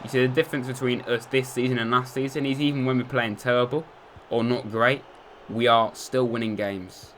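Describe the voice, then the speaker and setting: A young English man giving casual commentary over a football video game, chatty, muttering asides and cheering loudly at goals. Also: mid-range voice, a little fast, a little hiss or hum. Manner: chatty, swings between mumbled asides and excited shouts at goals. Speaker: gaming youtuber. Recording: light music behind.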